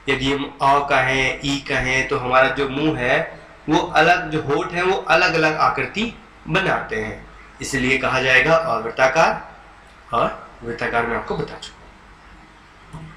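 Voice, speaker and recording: A man's voice: a little high, pushed and bright. A man teaching Hindi grammar in an exam-prep lecture, explaining patiently, repeating key terms and sounding out vowels for students. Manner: explains slowly, repeats terms and checks with "ठीक है". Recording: echoey room with faint background noise.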